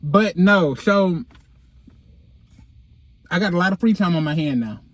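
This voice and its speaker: This podcast host and vlogger has a high voice and a lisp, with whistling s sounds caused by dental aligners. Chatting casually to followers inside a car, recorded on a handheld phone, he stays expressive and unhurried while sounding slangy, candid and sassy.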